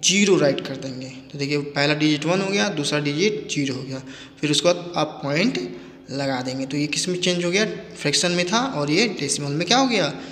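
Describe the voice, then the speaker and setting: A man with a fairly high, slightly bright voice talks a little fast during a spoken maths lesson. He asks his own questions, answers them, and repeats each step. Long reverb from an echoey room surrounds him.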